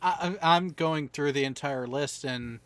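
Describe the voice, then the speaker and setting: A man's voice: a little high, measured pace, a bit bright, no room sound. A man in casual banter with other veterans, explaining things earnestly and in detail.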